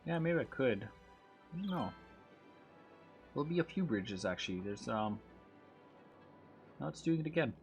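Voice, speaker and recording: A man's voice: medium pitch, lively intonation, moderate pace, long pauses, lo-fi sound, soft background music. A man streaming a game over a headset mic, thinking aloud as he fixes things and greeting his chat. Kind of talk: casual gameplay livestream chat.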